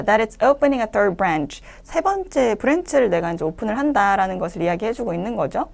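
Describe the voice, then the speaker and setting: A woman teaching English pronunciation in a lecture, explaining step by step and reading the English phrases slowly to show them. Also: medium pitch, gravelly, darkish tone. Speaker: English speaking-test instructor.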